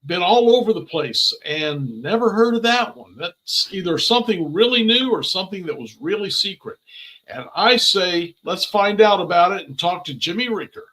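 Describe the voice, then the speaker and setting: High, bright-voiced male interview host. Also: expressive, normal speed, poor audio. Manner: chatty, informal. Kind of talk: casual conversational interview.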